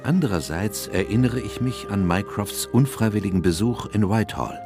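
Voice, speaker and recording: In a literary radio drama, an actor with a lowish, natural voice plays an aged, weary Dr. Watson, the melancholy chronicler of his friend's cases. He narrates his memoirs solemnly and reflectively at normal speed, in a grave mood, over music.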